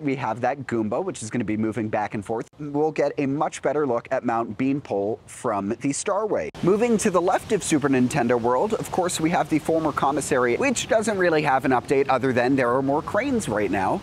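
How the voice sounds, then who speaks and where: A man's voice: medium pitch, slight background noise. A man hosting a vlog, chatting through a walkthrough with playful asides in an enthusiastic style. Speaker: theme park vlogger, host.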